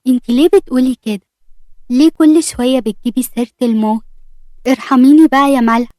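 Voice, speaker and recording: An emotional young fiancé, pleading and devoted, played by a woman narrator. The tone is mellow and the sound dry and close. The delivery stays raised in pitch. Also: little pitch movement, fast talker, dry recording, lightly acted. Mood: upset.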